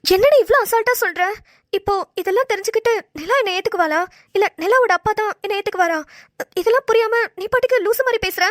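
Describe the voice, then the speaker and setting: A woman's voice: very high-pitched, quick pace, dry recording, studio quality. A woman voicing an anxious, confused young woman in an amateur cartoon, fretting and thinking aloud.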